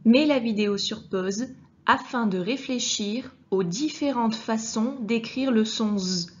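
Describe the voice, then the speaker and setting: A woman teacher giving a clear reading lesson to young children, speaking to the child directly and sounding out each letter with care. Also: fairly high pitch, dull audio. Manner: patient, addresses the child directly, deliberately articulated sounds. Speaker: primary school teacher.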